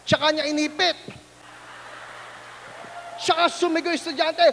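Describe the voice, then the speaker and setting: A man's voice: extremely high pitch, level tone, unhurried, vocal fry, fairly bright tone, in a large hall, slight background noise. A man preaching as a pastor, telling a story animatedly and acting out the people in it. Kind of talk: sermon storytelling.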